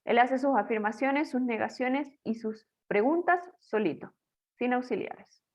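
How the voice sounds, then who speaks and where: A woman explains English grammar to her students in a playful, chatty tone. Her voice sits a little high. The recording is a bit dull and lo-fi, like a home-made online lesson. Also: unhurried. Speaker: English teacher.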